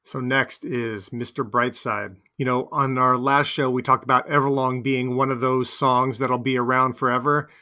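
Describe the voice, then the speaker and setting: A man co-hosting a podcast, talking about an album in a relaxed, conversational way with plenty of fillers. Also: mid-range voice, moderate pace, few pauses. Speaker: podcast co-host. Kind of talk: casual music chat.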